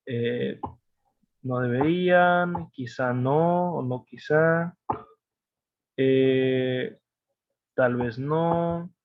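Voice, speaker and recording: A man's voice: medium pitch, no echo. Patient male English teacher, dull sound. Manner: patient, explains step by step with frequent self-corrections. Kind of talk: online class explanation.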